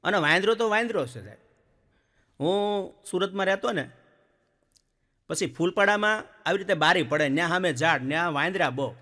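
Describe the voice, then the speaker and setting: Brief: male stand-up storyteller, high bright voice, lively village yarns, stage hall reverb. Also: normal speed, pauses often. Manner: lively joke-telling, acts out villagers and animals. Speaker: stand-up comedian. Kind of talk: folk comedy storytelling.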